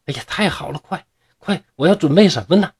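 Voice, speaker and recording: A man playing an excitable older mother who speaks in raised, flustered exclamations. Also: sits high, a little fast, voice pushed up.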